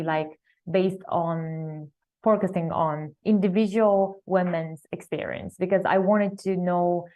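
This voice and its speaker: A woman's voice: fairly low pitch, darkish tone. A woman giving an academic research presentation at a student conference, hesitant, with many fillers and restarts.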